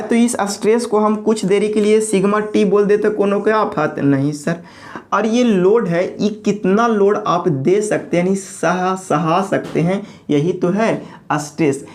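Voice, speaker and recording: In a classroom lecture, an engineering lecturer with a medium-pitched, slightly mellow voice poses questions and answers them himself. He repeats key terms and checks in with the listener.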